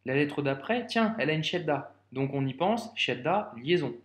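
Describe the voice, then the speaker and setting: A man's voice: on the high side, expressive, normal speed, echoey room. A man giving a patient, step-by-step reading lesson, talking straight to the learner and checking often that they follow. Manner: patient, addresses the learner directly with frequent checks. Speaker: Arabic reading teacher.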